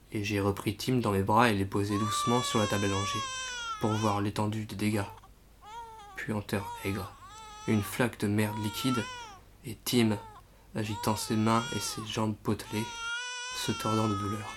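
A man's voice: on the low side, heavy background noise. A man narrating a first-person novel with an emotional, tearful delivery. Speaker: audiobook narrator.

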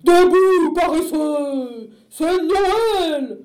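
A woman's voice: extremely high pitch, expressive, drawn-out words, darkish tone, pitched above the performer's own voice, full character voice. A woman voicing a flustered, grumbling old Father Christmas in a children's story, exclaiming and fretting. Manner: exclaims and frets, scolds.

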